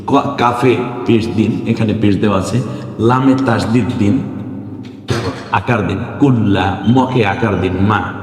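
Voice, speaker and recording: A man teaching Quran reading step by step, patiently coaxing his students and slowly chanting the Arabic words he spells out. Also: lowish voice. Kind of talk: step-by-step recitation lesson. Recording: roomy hall echo.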